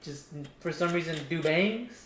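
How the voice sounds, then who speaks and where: A man's voice: a little high, moderate pace, a crowd in the background. A young American man chats casually as a podcast co-host in a roomy, echoing space. His talk is slangy and profane, and he circles back to repeat his phrases. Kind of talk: casual chat. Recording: echoey room.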